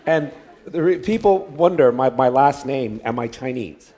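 A man giving a sermon as a guest preacher, speaking in short phrases and pausing for an interpreter. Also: medium pitch, animated, warm tone. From United States. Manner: short phrases with pauses for translation. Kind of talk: sermon delivered through an interpreter.

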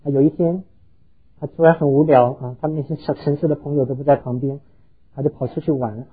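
A male pastor preaching an earnest sermon to his congregation, telling stories and pausing on hesitant fillers. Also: fairly high pitch, steady tone, slightly rough, narrow, tinny audio.

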